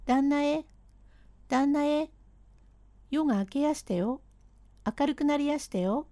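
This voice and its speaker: A woman reader puts on a jumpy Edo-period manservant. He talks in rough, old-fashioned working-class speech, pitched up high and sounding mellow. The sound is dry and close. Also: a little slow, dry recording. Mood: calling out nervously. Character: timid, excitable Edo-era manservant, adult man.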